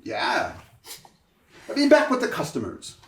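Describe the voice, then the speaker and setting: A man's voice: fairly high pitch, wildly swooping pitch, measured pace, vocal fry, full character voice. A man playing a cruel sneering freak-show owner. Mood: menacing. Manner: bullying, sneering, barking orders. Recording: roomy, distant from the mic.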